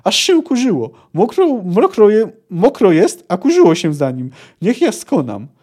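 A man reading aloud and voicing an excitable male gnome who gushes and trips over his words. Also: high-pitched, a little slow, voice pushed up, exaggerated voice. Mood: gleeful.

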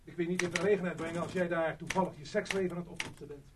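An actor dubbing a stern police sergeant who questions in a probing way. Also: male voice, sits high, fairly even intonation, rapid-fire, background noise, natural voice. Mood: casual. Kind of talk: dubbed film acting.

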